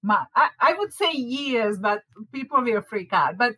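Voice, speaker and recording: A woman's voice: fairly high pitch, lively intonation, measured pace, sharp tone, husky, no room sound, rough recording. Hungarian woman chatting about baking. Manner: chatty, laughs often, restarts words. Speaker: baking class teacher. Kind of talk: casual chat.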